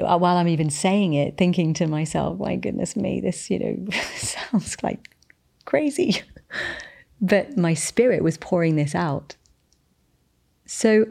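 A woman earnestly telling a testimony of a spiritual encounter, with restarts and slowed, emphatic phrases. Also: on the low side, a little mellow. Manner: descendant of the Boleyn family telling a spiritual encounter. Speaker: guest sharing a testimony. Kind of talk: storytelling testimony.

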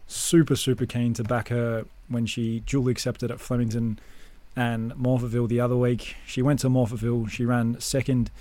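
A man's voice: mid-range voice, level tone, normal speed, few pauses, warm tone. An Australian man previewing horse races as a tipster, with confident, punchy hype in how he talks. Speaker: racing tipster, podcast host. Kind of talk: horse racing preview chat.

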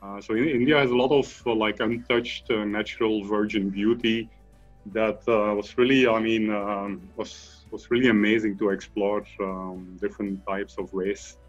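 Low flat-voiced man. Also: moderate pace, lo-fi sound, soft background music. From Belgium (Flanders). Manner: rambling, many fillers and restarts. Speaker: guest. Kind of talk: conversational interview.

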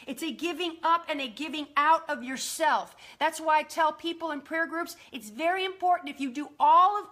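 A woman preacher teaching on prayer in a live-streamed sermon, talking fast and earnestly and quoting scripture. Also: high-pitched, pushed and bright.

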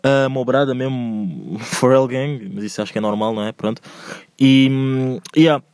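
A man's voice: mid-range voice, moderate pace, darkish tone, clean tone, no echo, clean studio sound. A young man with a European Portuguese accent hosting a solo podcast, rambling in slangy, casual talk and ranting with growing heat. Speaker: podcast host. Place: indoors, recorded alone at home.

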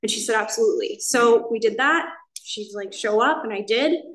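A woman's voice: a little high, moderate pace, fairly bright tone. A woman in her thirties with an American accent, telling her recovery story at a meeting, candid and emotional, a little nervous. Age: 30s. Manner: candid, emotional storytelling with many "I was like" quotes. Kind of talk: personal recovery share. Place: church meeting hall. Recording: echoey hall.

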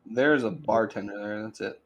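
A man running a tabletop game as game master, in a relaxed, dry way. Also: on the low side, normal speed, highs cut off, faint music behind. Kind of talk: casual tabletop game narration.

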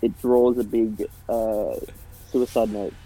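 A young Australian man co-hosting a comedy podcast, riffing absurd ideas in a rambling, deadpan way. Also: on the low side, takes it slowly, slight background noise, poor audio. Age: young adult. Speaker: podcast co-host. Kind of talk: casual comedy chat.

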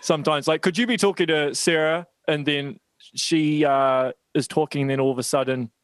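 A man's voice: fairly high pitch, fairly even intonation, moderate pace, smooth, no room sound, poor audio. A man hosting a podcast interview, asking questions in a casual, chatty way. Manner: casual, swears lightly, asks leading questions. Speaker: podcast host.

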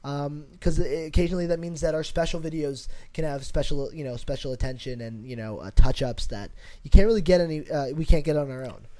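A man's voice: a little high, fairly quick, few pauses, warm tone. A man co-hosting a casual podcast, talking loosely with many fillers and restarts. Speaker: podcast co-host. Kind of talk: casual chat.

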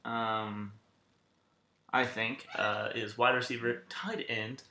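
Bright-voiced man in an echoey room. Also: mid-range voice, little pitch movement, slow. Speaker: sports podcast host. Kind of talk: casual sports chat. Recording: roomy, echoing sound.

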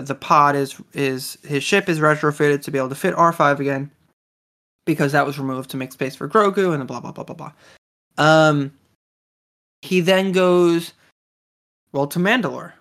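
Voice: mid-range voice, fairly bright tone. A podcast co-host in casual chat, reviewing an episode with enthusiasm and lots of fillers. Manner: chatty, enthusiastic, many fillers.

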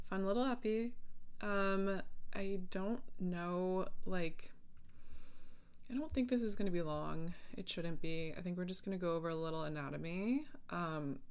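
Woman, slightly low voice, casual solo podcast chat, rambling, filler-heavy, self-interrupting. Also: clean tone. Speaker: podcast host.

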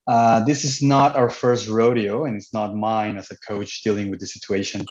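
A man from Mexico, co-host of a podcast and a coach, talking in a measured way with many fillers and restarts. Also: lowish voice, level tone, a little mellow, roomy sound, highs cut off. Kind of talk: casual podcast chat.

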